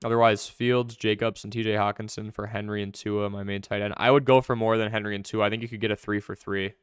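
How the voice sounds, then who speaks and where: A young man hosting a live fantasy football stream, answering viewer questions in quick, chatty commentary. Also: lowish voice, little pitch movement, smooth, no room sound, clean studio sound. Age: young adult.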